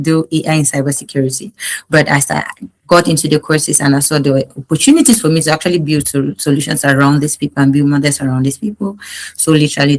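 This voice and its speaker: A young woman from Cameroon, a graduate student, telling her story in a candid, reflective interview with light laughs. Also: sits low. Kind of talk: casual interview.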